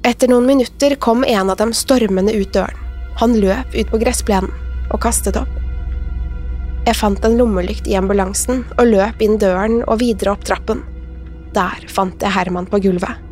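A woman reads a horror story aloud in a steady, suspenseful voice, pitched right in the middle for a woman. Faint music runs quietly underneath her narration. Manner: measured, suspenseful first-person telling. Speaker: podcast narrator.

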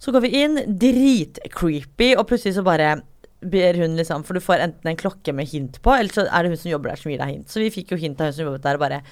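Young woman in her 20s, storyteller, low-ish voice, swears casually, bursts into shrieks when she acts out quotes. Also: expressive.

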